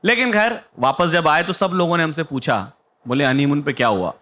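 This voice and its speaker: A man's voice: fairly high pitch, expressive, normal speed, a bit bright. A young man performing a stand-up comedy set on stage, telling a story and acting out the other people in it. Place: stage before a live audience.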